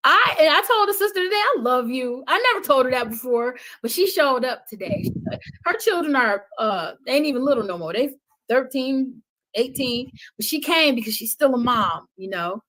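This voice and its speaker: A woman's voice: high voice, lively intonation, moderate pace, sharp tone. A woman guest on a podcast, talking with emphatic, sermon-like repetition about love and healing. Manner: emphatic, preaching cadence, repeats phrases for weight. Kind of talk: impassioned conversational testimony.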